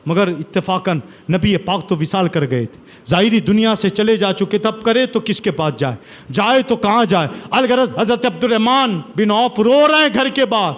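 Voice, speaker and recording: A man's voice: sits high, animated. A man preaching a sermon, retelling old stories with dramatic, repetitive emphasis. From India. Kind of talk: sermon storytelling.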